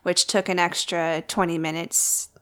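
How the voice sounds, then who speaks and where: A woman's voice: lowish voice, flat delivery, measured pace, fairly bright tone, clear, resonant tone. Chatty woman co-hosting a podcast. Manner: chatty, explaining details. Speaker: podcast co-host. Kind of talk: casual chat.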